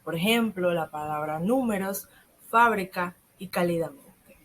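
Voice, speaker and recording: A teenage girl, a secondary school student, reading a school lesson aloud from a script and slowing down on the examples. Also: on the low side, fairly bright tone, rough recording. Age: teens.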